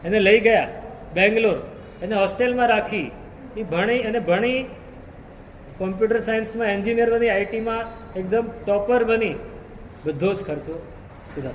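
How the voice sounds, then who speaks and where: A man with a high voice delivers a sermon, telling a long story and repeating key phrases to drive them home. His voice rings through a reverberant hall, with faint room noise behind him. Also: normal speed, pauses often. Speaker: preacher.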